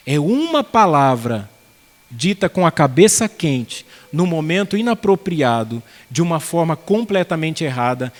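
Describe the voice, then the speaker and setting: A man preaching an expository sermon, earnest and conversational, with folksy anecdotes. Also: fairly high pitch. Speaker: pastor. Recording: long hall reverb.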